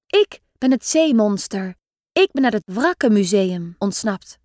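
A woman's voice: medium pitch, very animated, unhurried, a little mellow, no echo, studio quality, pitched below the performer's own voice. A woman voicing a big boy pretending to be a scary sea monster in a storybook. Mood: mock-scary. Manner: mock-scary, growling.

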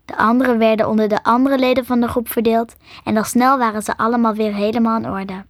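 Woman reading a kids' fantasy story, high voice, goes up and louder for the dialogue, dry close sound. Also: quick pace, no echo. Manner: lifts her voice higher and louder for excited dialogue. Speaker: audiobook narrator. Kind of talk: scripted storybook narration with character voices.

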